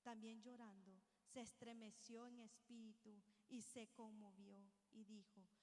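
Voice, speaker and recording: High-voiced woman preaching with long echo. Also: little pitch movement, measured pace, a little mellow. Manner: reflective, earnest, addresses listeners as brothers and sisters. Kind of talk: Bible reading and sermon.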